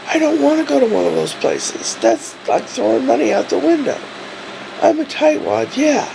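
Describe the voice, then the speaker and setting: A middle-aged woman with a cold, chatting casually in a hoarse, congested, swollen-throat voice, rambling and wryly grumbling. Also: high voice, very animated, normal speed, noisy background. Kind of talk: casual vlog chat. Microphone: phone or camera at arm's length.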